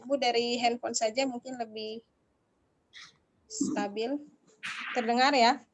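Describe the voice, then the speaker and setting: A woman's voice: a little high, fairly even intonation, slow pace, slight background noise. A woman explaining material as the speaker of an online lecture on a video call.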